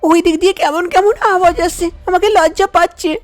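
Over a music bed, a woman speaks quite quickly in a very high, steady voice. She plays a shy, fretful young cartoon bride who fusses and complains at her husband.

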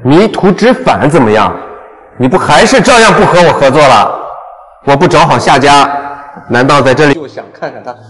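A sneering turncoat lackey in a short drama. His voice sits fairly high, oily with flattery, and echoes in a long reverb. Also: normal speed. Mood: sly flattery. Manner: obsequious, sneering. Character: fawning, sneering male turncoat sidekick to a villain.

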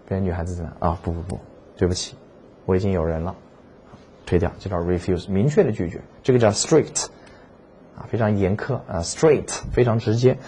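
A man's voice: on the low side, darkish tone, slightly rough. A man teaching exam vocabulary in a lecture. He speaks emphatically, repeats key words and asks rhetorical questions.

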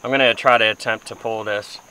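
Talking fairly quickly in a lowish, steady voice that is bright and forceful, a young man vlogs to camera from a small boat on a river. His fishing talk is casual and folksy, and the rough recording comes from a camera mic at close to mid distance, with faint outdoor noise and insects.

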